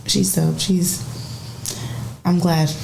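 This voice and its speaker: A woman in her early twenties chatting casually on a podcast, relaxed and full of fillers. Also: lowish voice, extremely slow, creaky, over a noisy crowd. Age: 20s. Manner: relaxed, talks with many fillers and likes. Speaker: podcast guest. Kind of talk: casual chat. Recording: echoey room with music behind.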